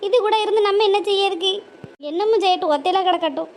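A scheming daughter who scolds and nags in quick, sharp bursts, as a woman voices her. Her rides on a very high voice. Faint ambience hums underneath. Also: slight background noise. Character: scheming impatient grown daughter. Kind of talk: cartoon voice acting.

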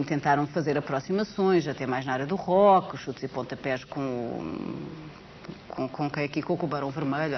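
On a TV talk show set, a middle-aged, low-pitched woman from Portugal chats casually as a guest about her project, her Portuguese accent carrying Brazilian touches. She tells stories animatedly, gesturing and throwing in quick asides, picked up by a lapel mic in a dull lo-fi broadcast with faint hiss.

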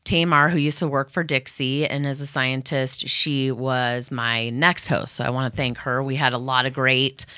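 A woman's voice: rumbling low, fairly even intonation, normal speed, few pauses, sharp tone, smooth, dry recording, studio quality. A woman radio host thanking her sponsors in a loose, rambling chat full of fillers and restarts. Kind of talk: casual thank-you to sponsors.

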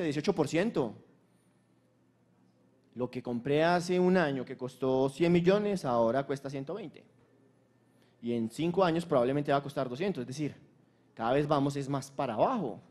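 A man's voice: fairly high pitch, normal speed, a little mellow. A Colombian man giving a motivational conference talk from a stage, emphatic and repetitive, with crude slang. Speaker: conference speaker. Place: stage at a launch event.

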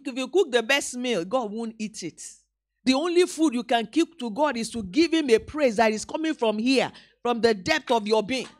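A woman preaches a live sermon in a church, her high voice swooping widely as she goes. She acts out little scenes and calls out to the congregation, animated throughout. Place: church hall.

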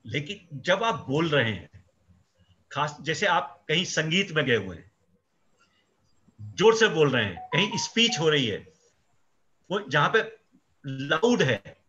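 Emphatic male professor, bright lo-fi voice. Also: on the high side, very animated, unhurried, long pauses, slight background noise. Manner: emphatic, mixing Hindi with English phrases. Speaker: microbiology professor. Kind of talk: explanatory interview talk. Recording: dull lo-fi sound.

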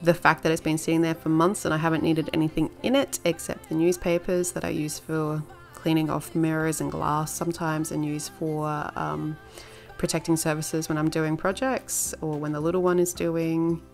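A woman's voice: low-pitched, flat delivery, normal speed, gravelly, soft background music. A woman narrating her home cleaning video in a casual, chatty voice-over, rambling a little with filler words.

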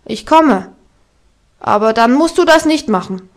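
A woman's voice: fairly high pitch, lively intonation, a little slow. Woman playing a sullen goatherd boy. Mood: timid.

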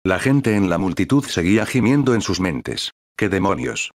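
A man narrating a fantasy novel in a steady, even reading style. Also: fairly low pitch, normal speed, dry recording. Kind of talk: scripted audiobook narration.

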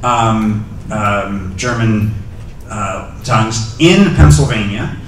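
This guest lecturer, a middle-aged man, talks slowly in a lowish voice while responding to audience questions, hesitating and restarting often with many ums. He stands at a podium in a lecture hall using a handheld mic. The sound is distant and echoey, with slight background noise.

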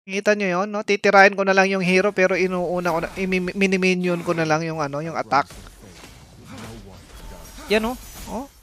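A man streaming live gameplay, excitable and commenting as he plays, with sudden exclamations and playful taunts at his opponents. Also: high-pitched, normal speed, pauses often, a little hiss or hum. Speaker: game streamer.

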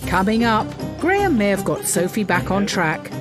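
A woman giving scripted narration for a dog-training show with a lively storytelling delivery. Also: medium pitch, normal speed. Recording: music bed under the voice-over.

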